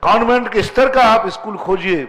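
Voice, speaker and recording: A man's voice: high-pitched, moderate pace, fairly bright tone, poor audio. A man, a monk preacher, delivering a sermon with emphatic rhetorical questions to an assembly. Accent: Hindi. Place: assembly hall with seated women.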